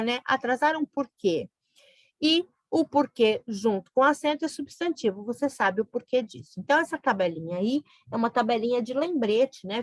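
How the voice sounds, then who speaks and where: A woman's voice: on the high side, dry recording. A woman teaching a grammar lesson, explaining patiently and checking in with the listener. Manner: explains patiently, often adds "né?".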